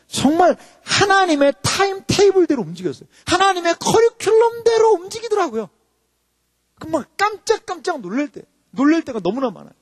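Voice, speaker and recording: Preaching with emphasis in a church sanctuary, an associate pastor in his forties fires rhetorical questions at his congregation. His voice is very high and the sound is clean studio quality, yet a long church-hall reverb remains.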